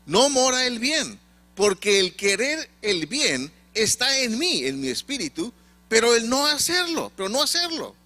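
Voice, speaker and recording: A man from Monterrey, preaching a sermon with emphatic swings and pauses. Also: very high-pitched, sing-song, bright, forceful tone. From Monterrey, Mexico.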